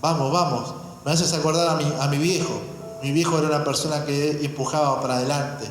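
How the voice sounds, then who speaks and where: A kind young man, urging and encouraging, as a pastor puts him on. His slightly high voice rings through a big echoey hall. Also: fairly even intonation, brisk, faint music behind, natural voice.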